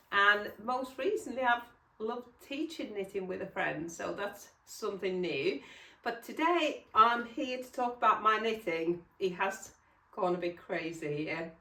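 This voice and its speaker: A middle-aged woman chats easily about her knitting, with plenty of ums and restarts. She sits a little back from the mic, and the room gives her voice a noticeable echo. Her pitch sits in an ordinary middle range. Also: pushed and bright. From Finland. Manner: chatty, rambling, with frequent ums and self-corrections. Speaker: knitting podcast host. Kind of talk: casual chat. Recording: roomy echo, mic at a distance.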